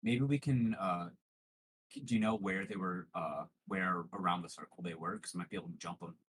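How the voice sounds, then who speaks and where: A man playing a tabletop game, planning moves casually in a halting, tentative way. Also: deep voice, a bit bright, breathy edge.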